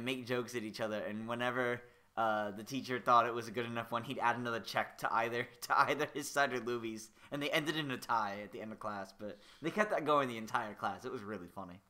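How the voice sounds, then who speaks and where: A man's voice: mid-range voice, pushed and bright. A young man streaming a video game, chatting casually and rambling through stories. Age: young adult. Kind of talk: casual let's-play chat.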